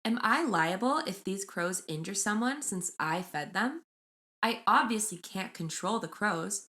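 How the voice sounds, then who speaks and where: Woman podcast co-host, mid pitch, chatty storyteller reading stories aloud. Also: lively intonation, unhurried, bright, forceful tone. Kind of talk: casual chat and storytelling.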